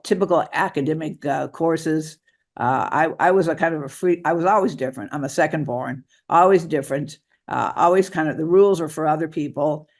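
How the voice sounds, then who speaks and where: A man answering interview questions as a guest author and advocate, talking in a halting way with many restarts. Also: a little high.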